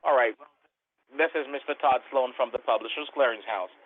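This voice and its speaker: A man with English as a second language, making a fast, well-spoken scripted sales pitch over a landline phone. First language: not English. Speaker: scam caller. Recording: tinny phone line.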